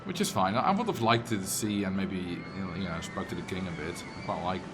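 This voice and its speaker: Brisk and low-pitched, the Dutch-accented man chats with his livestream audience, rambling and responding to messages as he plays. The background is noisy, with game music going.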